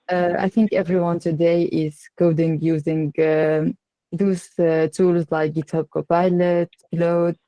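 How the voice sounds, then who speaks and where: A woman with a North African accent from Tunisia leads an online workshop. Her voice is slightly low and mellow. She speaks haltingly, pausing often on fillers, and the sound is dry and close. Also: no room sound, low-quality recording. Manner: halting, with frequent filled pauses. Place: online video call.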